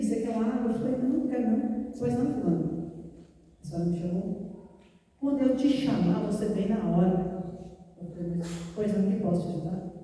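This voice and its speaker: A woman's voice: on the low side, dark tone. A woman giving a testimony sermon in a church, telling her story earnestly and often addressing the congregation as brothers. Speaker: guest preacher. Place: church hall. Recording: echoey church hall, voice from far off.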